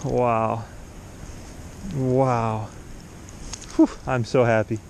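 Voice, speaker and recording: A man's voice: medium pitch, level tone, very slow, slight background noise. A man vlogging outdoors by a mountain stream, talking enthusiastically and exclaiming as he fishes, recorded on a chest-mounted camera. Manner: enthusiastic, exclaiming, laughing often. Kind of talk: excited outdoor vlog commentary. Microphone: chest-mounted action camera.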